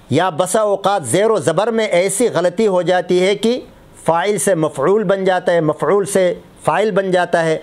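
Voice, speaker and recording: A man's voice: sits high, darkish tone. A man, a mufti, giving a religious lesson on prayer recitation, explaining patiently and repeating example words to contrast them.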